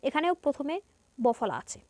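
A woman with a fairly high voice and a Bangladeshi Bengali accent teaches a grammar lesson. She explains each point step by step and poses questions to her students that she then answers herself. The sound is dry and close, with no room around it. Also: expressive, normal speed, darkish tone, no room sound.

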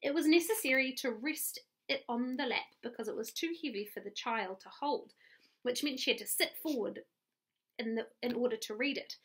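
A woman's voice: fairly high pitch, moderate pace, fairly bright tone, husky. A woman with a New Zealand accent reading a chapter book aloud to children as their teacher, friendly and stopping for little asides.

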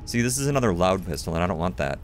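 Rapid-fire and low-voiced, with big swings in pitch, this gaming host rattles off chatty commentary during his let's play. He makes self-deprecating remarks as the game's audio and music run behind him.

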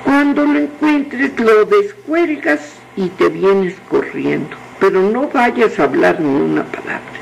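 A man's voice: high voice, animated, unhurried, vocal fry, few pauses, a little hiss or hum, exaggerated voice, low-quality recording. A man voicing a worried, firm woodcutter father giving instructions. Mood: instructing.

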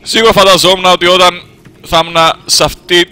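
A man from Greece giving jokey, sarcastic running commentary as he plays a game, jumping to high squeals when startled. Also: flat delivery, sharp tone. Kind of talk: comedic gameplay commentary in character.

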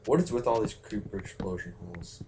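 A man's voice: lowish voice, fairly quick, noisy background. A tired young man giving rambling, self-mocking, casually profane commentary while playing a game. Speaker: gaming channel host. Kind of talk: casual let's-play commentary. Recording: loud background music.

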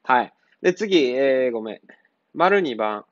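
In a dry, dull lo-fi recording, a cram school teacher walks through the answers to a literature exercise. His mid-range voice is animated but unhurried, and his manner is casual and blunt, with teasing remarks along the way.

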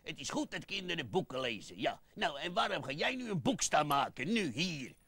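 A man's voice: on the high side, very animated, moderate pace, sharp tone, breathy edge, heavily acted. A man voicing a grumpy old grandmother sock puppet in a children's puppet show, irritable and always calling things ridiculous. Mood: grumbling.

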